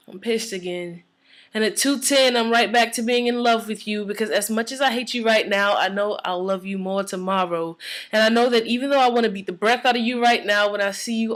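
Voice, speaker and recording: A woman's voice: medium pitch, fairly bright tone. A woman reciting her own spoken word poem in a conversational, emotional rhythm.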